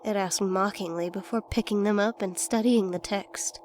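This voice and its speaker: A woman's voice: medium pitch, steady tone, moderate pace, darkish tone. A woman reading a scripted first-person horror story as its narrator. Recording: faint noise and ambience behind voice.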